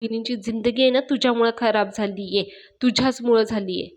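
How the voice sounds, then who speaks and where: A woman's voice: a little high, fairly quick, big-room sound, close to an everyday voice. Woman voicing an angry, accusing young man. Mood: scolding. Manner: scolding, accusing. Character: angry, protective young man scolding a friend.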